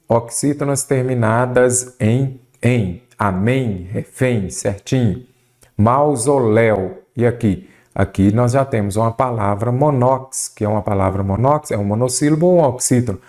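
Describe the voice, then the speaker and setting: A man's voice: medium pitch, normal speed, a little mellow. A man teaching a grammar lesson for exam prep, asking and answering his own questions and stretching out words. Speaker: Portuguese teacher.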